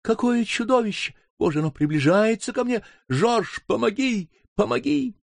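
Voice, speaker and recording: A woman's voice: sits low, big pitch swings, normal speed, a little mellow, slightly rough, no echo, pitched above the performer's own voice, exaggerated voice. A man doing a young girl crying out in a dry audiobook voice. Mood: terrified. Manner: raised, pleading cries. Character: young girl, the narrator's sister, carefree then terrified.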